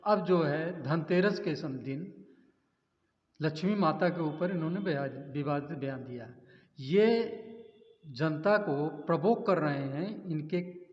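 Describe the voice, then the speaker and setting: A political analyst from Uttar Pradesh, indignant and emphatic, answering questions in a news interview. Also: male voice, a little high. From Uttar Pradesh, India. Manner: indignant, emphatic, with hesitant restarts. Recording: echoey, roomy, dull lo-fi sound.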